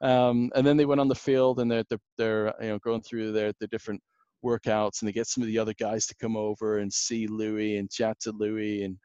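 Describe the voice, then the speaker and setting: A man's voice: fairly low pitch, little pitch movement, a little fast, dark tone, smooth, no echo, lo-fi sound. A man, rambling through a casual podcast anecdote with many fillers. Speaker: podcast guest.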